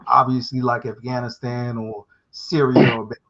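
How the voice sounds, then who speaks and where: A man's voice: mid-range voice, flat delivery, normal speed, crowd noise. A man from Guyana calling in to a live talk show, rambling and reflective with casual street slang. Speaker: guest calling in. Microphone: remote call. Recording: muffled call audio.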